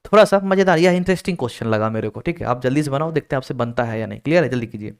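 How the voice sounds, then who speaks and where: A man teaching an online exam-prep reasoning class, explaining each step and keeping students moving with quick check-ins. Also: mid-range voice, animated, clear, resonant tone. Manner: explains step by step, keeps checking with "ठीक है?" and urging students to hurry. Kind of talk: recorded class lecture.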